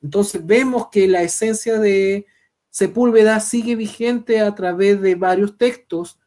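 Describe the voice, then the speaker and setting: A man with a Chilean accent co-hosting a literary program, explaining a novel in a steady, explanatory way. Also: high voice, unhurried. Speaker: co-host. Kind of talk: literary discussion.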